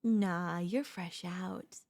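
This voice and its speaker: With a lowish, creaky, darkish voice and fairly even intonation, a woman gives a full character performance as a cocky female zombie stalking a human survivor. Speaking straight to the listener in this comedic roleplay, she is teasing and persuasive, using a casual, slangy, taunting, drawn-out style.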